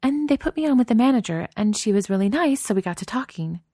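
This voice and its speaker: Bright, eager young girlfriend, pitched high and carrying, voiced by a female narrator; gushes and rushes her words. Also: expressive, no room sound, clean studio sound. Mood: excited. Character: bubbly excitable young woman girlfriend. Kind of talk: audiobook character voice.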